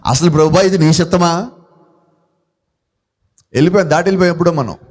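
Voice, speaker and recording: A man with a Telugu accent preaches a sermon at a church gathering, putting questions to the congregation and answering them himself. His voice is slightly high and brisk.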